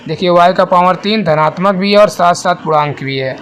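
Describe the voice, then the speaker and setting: A high-pitched male math teacher talks through a lesson. He keeps asking the class questions and then answers them himself, and he slowly restates each definition. Faint noise hums behind him. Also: fairly bright tone. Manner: repeats and rephrases definitions slowly.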